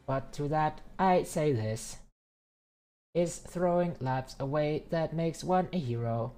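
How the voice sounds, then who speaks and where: A woman voicing a stern heroic commander who delivers a long, formal speech in a measured orator's manner for a game. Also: sits low, warm tone.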